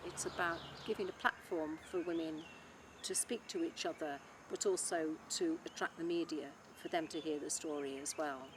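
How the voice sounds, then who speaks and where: Animated Englishwoman telling her story. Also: low-pitched, moderate pace, noisy background. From England. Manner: animated, acts out quoted speech. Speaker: event organiser. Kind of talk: documentary interview storytelling.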